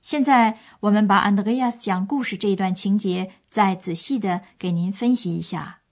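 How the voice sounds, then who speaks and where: A woman's voice: mid-range voice, normal speed, a little mellow. A woman presenting a language course with scripted, explanatory storytelling narration.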